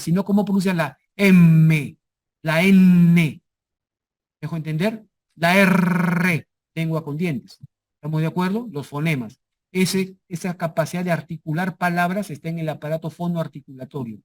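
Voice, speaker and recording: A man with a high-pitched voice lectures to a class. He stresses key words by saying them twice. He keeps asking the students if they are following along. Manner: checks understanding often with repeated questions; repeats key terms for emphasis.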